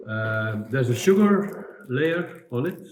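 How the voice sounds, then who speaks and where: A man explaining food casually as a home cook, haltingly searching for his English words. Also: mid-range voice, very animated. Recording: echoey room with clear noise.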